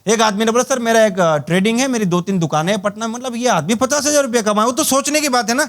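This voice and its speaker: A man's voice: very high voice, fast. A man giving a motivational sales training talk, telling anecdotes and acting out dialogue with jokes. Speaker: network marketing trainer.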